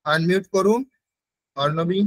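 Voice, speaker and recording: A Bengali-accented man teaches online, slowly repeating words so his students can copy them. His voice sits a little high. The call audio is dry and close, with no room sound. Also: dry recording, poor audio. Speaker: Sanskrit teacher. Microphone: video call.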